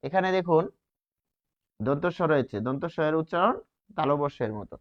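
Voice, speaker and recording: A man's voice: fairly high pitch, lively intonation, moderate pace. Man teaching, asking and answering himself. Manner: asks rhetorical questions, then answers them. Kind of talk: grammar lesson. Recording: dull lo-fi sound.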